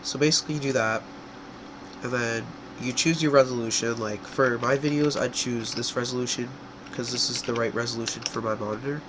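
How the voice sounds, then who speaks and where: This tutorial creator is a young man whose cold leaves him sounding stuffy; he wanders loosely through software steps, leaning on fillers and fixing his own mistakes. He has a mid-range voice and speaks fairly quickly. His home computer mic also catches a noticeable AC hum.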